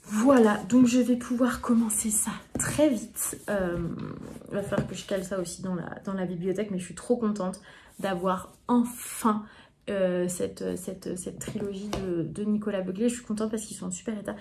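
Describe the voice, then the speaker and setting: A woman's voice: medium pitch, fairly even intonation, normal speed, noisy background. A tired young woman from France, chatting at home about her books, with many hesitations and restarts. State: tired, yawning. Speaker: book vlogger. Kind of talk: casual chat to camera. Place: home, indoors in the evening.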